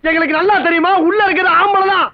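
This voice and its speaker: A man's voice: very high-pitched, steady tone, rapid-fire. An actor playing a wisecracking, sly father-in-law in a comic film with a lo-fi, dry soundtrack.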